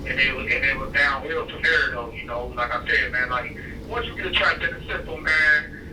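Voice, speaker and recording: A man's voice: medium pitch, moderate pace. A man from Ohio, calling in from prison on a phone line, talking in a slangy, laid-back way with lots of fillers. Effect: heard over a prison phone line. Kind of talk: casual interview. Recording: distant echoey phone call with clear noise.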